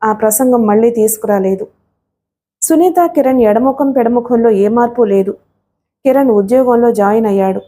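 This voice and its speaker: A woman's voice: a little high, moderate pace, warm tone. A woman with a Telugu accent reading a novel aloud as an audiobook narrator, voicing the characters' dialogue.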